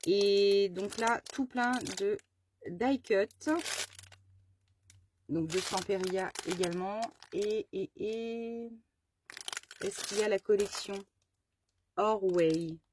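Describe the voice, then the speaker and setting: A woman's voice: mid-range voice, slow pace, long pauses, darkish tone, a little hiss or hum. A woman chatting casually through a haul of her craft supplies, rambling with lots of fillers and restarts and fumbling English product names. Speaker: craft vlogger. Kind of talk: casual haul show-and-tell.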